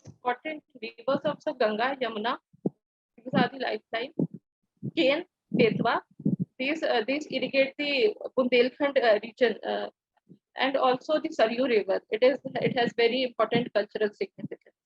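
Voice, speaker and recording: A young woman with an Indian accent gives formal, halting, deferential answers as a candidate in a mock interview. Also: sits high, vocal fry, breathy edge, no echo. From Dehradun, India. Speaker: civil service interview candidate. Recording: dull, lo-fi dry audio.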